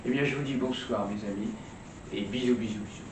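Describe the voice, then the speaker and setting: Un homme conteur, à la voix de hauteur moyenne, qui cherche ses mots et se répète volontiers. On l'entend de loin, dans une pièce à l'écho marqué. Un bruit d'ambiance bien présent reste en fond. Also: male voice, mid-range voice, fairly quick. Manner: hesitant, with many fillers and repeats. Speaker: storyteller. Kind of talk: spoken storytelling. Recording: roomy, distant mic, ambient noise.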